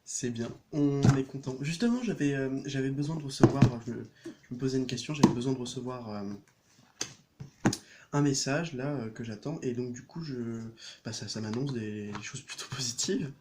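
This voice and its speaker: A man's voice: medium pitch, moderate pace, very noisy. Hesitant man reading cards. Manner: hesitant, many fillers and restarts; gentle, reassuring spiritual advice. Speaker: tarot card reader. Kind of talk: casual card-reading video.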